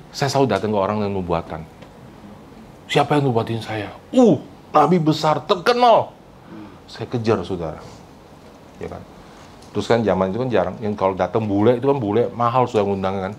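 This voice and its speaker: A pastor preaching a sermon to a congregation, mixing Indonesian with English phrases and often calling for responses from the listeners. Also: male voice, a little hiss or hum. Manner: keeps prompting the congregation for responses; animated and emphatic, with big pitch swings. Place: church service before a congregation.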